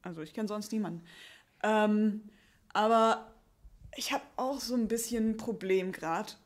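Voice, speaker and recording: On a small curtained stage in the dark, a woman speaks into a stand mic as a relaxed lumberjack uncertain about a job offer in an improvised audio drama. Her medium pitch is lightly acted, and her mood stays casual and hesitant as her halting, colloquial phrases trail off.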